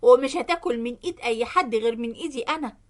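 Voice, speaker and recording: A woman's voice: on the high side, quick pace, natural voice. A woman voicing a jealous, firm middle-aged wife with an Egyptian Arabic accent, insistent and nagging.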